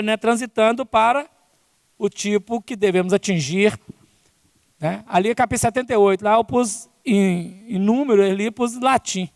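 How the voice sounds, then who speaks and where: Here a man's voice sits high as he presents a spiritist lecture at a conference in a Brazilian accent. He often tacks "né?" and "não é?" onto his sentences. The clean studio sound is colored by the long reverb of a big hall.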